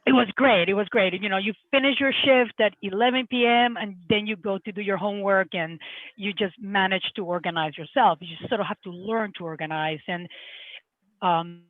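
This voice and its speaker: Woman, Peruvian Spanish accent, middle-aged, earnest halting talk, phone-like sound, dry. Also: mid-range voice, no room sound. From Peru. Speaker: lighting designer. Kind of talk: panel talk on career journey. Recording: tinny phone-like audio, dry.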